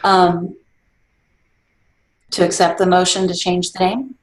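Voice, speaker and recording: A woman's voice: lowish voice, slow pace, reverberant, poor audio. Chatty woman chairing a video meeting. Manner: laughs often, relaxed and chatty. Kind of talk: casual online meeting. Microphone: video call.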